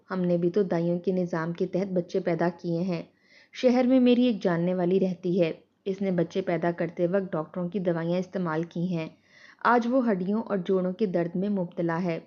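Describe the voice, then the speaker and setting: A woman's voice: fairly low pitch, lo-fi sound, close to an everyday voice. A woman doing a bossy scheming village aunt. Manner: insistent, lecturing.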